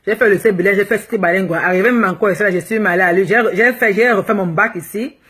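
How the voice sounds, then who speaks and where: Rapid-fire and fairly bright, with a breathy edge and medium pitch, a Cameroonian woman replies to her viewers' comments during a live stream. She's a plus-size fashion blogger who teases frankly, mixing English phrases into her Cameroonian French.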